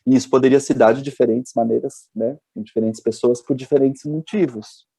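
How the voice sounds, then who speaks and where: A man's voice: mid-range voice, steady tone, brisk, vocal fry, mellow, slightly rough, no echo. A male host, telling stories in casual chat and often restarting his sentences. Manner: chatty, hesitant restarts. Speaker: podcast host.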